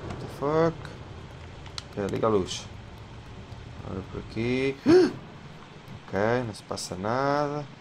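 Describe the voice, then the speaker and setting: A man's voice: medium pitch, animated, a little slow, pauses often. A man with a European Portuguese accent, commentating a horror game as he plays, muttering to himself and yelping at jump scares. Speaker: gamer playing a horror game. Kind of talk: let's play commentary. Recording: clear game noise behind voice.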